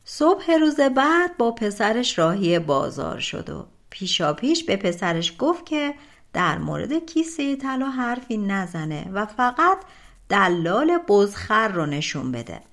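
A woman narrating a folk tale audiobook in an expressive, colloquial storytelling manner. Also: medium pitch. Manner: expressive, colloquial, drawn-out phrase ends.

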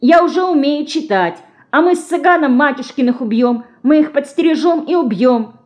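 A woman's voice: a little high, lively intonation, moderate pace, highs cut off, voice pushed up, natural voice. A woman voicing a small, defiant little boy in an audiobook. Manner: defiant, childish.

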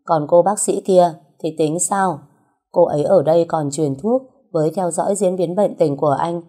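A jealous young wife with a sharp tongue, voiced by a woman reading a storybook. She teases and scolds in a low, husky, mellow voice. Her jabs come quick and pointed. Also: close to an everyday voice. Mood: teasing. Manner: teasing, scolding.

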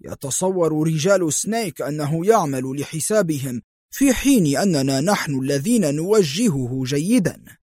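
A man's voice: fairly high pitch, expressive, moderate pace, dark tone, no room sound, studio quality, pitched above the performer's own voice. A man voicing an eager male intelligence assistant with ideas to share. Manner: eager, keen.

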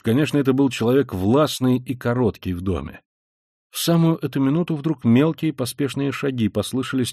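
A man giving scripted literary narration of a novel in a measured way, dropping low in tense passages. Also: a little mellow, dry recording, clean studio sound. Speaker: audiobook narrator.

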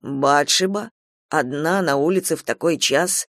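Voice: mid-range voice, a little slow, fairly bright tone, no room sound, studio quality, pitched below the performer's own voice. A reader voicing Boldwood, a grave and tormented farmer, speaking tensely in an audiobook. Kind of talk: audiobook character reading.

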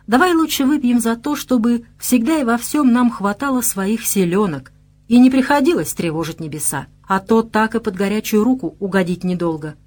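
A woman's voice: on the high side, darkish tone, voice pushed up. A woman voicing a cocky young male warrior in an audiobook, with a teasing, flippant way of talking.

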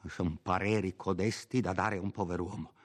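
A man's voice: low-pitched, fairly even intonation, normal speed. A man voicing a timid, fearful older country priest in an audiobook, peevish and grumbling. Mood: fretful. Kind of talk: audiobook character voice.

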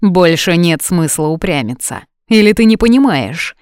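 A cold, arrogant young king barks clipped orders, as a woman reader puts him on. The voice sits somewhat low, and the reading is close and dry with no room sound. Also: animated, normal speed, darkish tone, smooth, dry recording, close to an everyday voice. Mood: commanding.

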